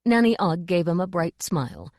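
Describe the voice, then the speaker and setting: A woman narrating an audiobook in a measured, dry reading style. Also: lowish voice, lively intonation, a little mellow, dry recording. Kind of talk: scripted narration.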